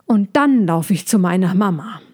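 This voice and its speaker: A woman reading a children's story aloud, voicing a small, earnest young male dragon in a soft, breathless voice close to her own. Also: medium pitch, expressive, moderate pace, natural voice.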